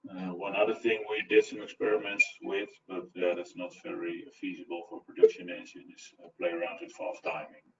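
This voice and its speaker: A man's voice: low-pitched, monotone, fairly quick, vocal fry, hardly any pauses, a bit bright. A man presenting at an online technical talk, answering a question by thinking aloud and searching for words over a video call. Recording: roomy, distant, muffled call audio.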